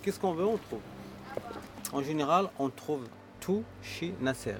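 A jovial, teasing shopkeeper man whose voice sits a little high for a man. He banters and calls out greetings to customers in his small grocery, while shop noise carries clearly behind him. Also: lively intonation, measured pace. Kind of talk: chatty talk with customers on camera.

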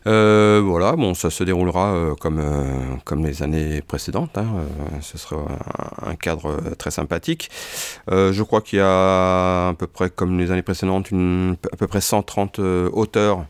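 A bookseller presenting authors in a relaxed chat, hesitant, with many fillers and restarts. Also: male voice, sits low, normal speed, smooth, no room sound.

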